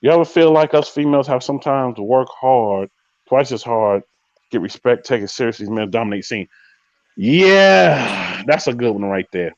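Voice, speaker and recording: A man hosting a live podcast, chatting casually and telling stories in a slangy, animated way, acting out quoted lines. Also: medium pitch, moderate pace, dry recording, lo-fi sound. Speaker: podcast host. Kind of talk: casual live-stream chat.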